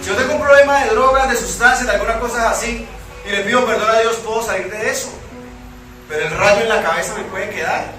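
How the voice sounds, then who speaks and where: A Colombian-accented man preaches a sermon and keeps asking the congregation rhetorical questions. His voice sits very high and sounds bright and forceful. He is recorded from a distance in a very echoey church hall, with faint music behind him. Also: fast talker. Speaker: pastor.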